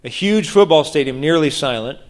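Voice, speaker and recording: Male preacher, slightly high pitch, animated storytelling, sermon. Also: a little fast. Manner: animated storytelling, acts out voices. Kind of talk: sermon on prayer.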